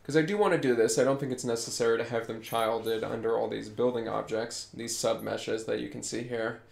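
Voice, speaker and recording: A man's voice: medium pitch, steady tone, brisk, vocal fry. A man live-streaming as a game developer, explaining in a casual way and thinking aloud while he works.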